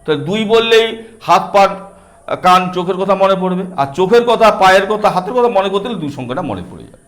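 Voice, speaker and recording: A man with a high voice and a Bengali accent. He talks straight to small children and patiently explains a counting book, one number at a time. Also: expressive, fast talker. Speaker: teacher and book author.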